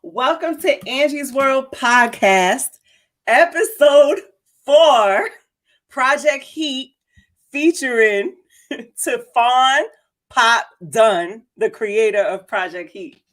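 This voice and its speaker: A woman's voice: on the high side, takes it slowly, a bit bright. A woman hosting a podcast, chatting casually and upbeat with a guest. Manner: upbeat, chatty, laughs easily. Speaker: podcast host. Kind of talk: casual interview chat.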